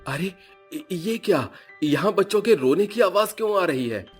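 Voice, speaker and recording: A man's voice: high-pitched, lively intonation, normal speed, breathy edge, faint music behind. A man voicing a worried, uneducated middle-aged father in a cartoon, fretting and exclaiming. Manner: fretful, exclaiming.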